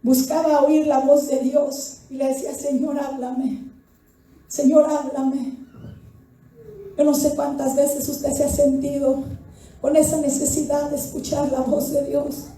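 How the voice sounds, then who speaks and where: A woman pastor delivers a fervent sermon, her voice high and mellow. She builds to impassioned cries. The sound is echoey and distant, as if picked up from far back in a large church hall. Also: level tone, normal speed. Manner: preaching fervently, often rising to cries. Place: church sanctuary.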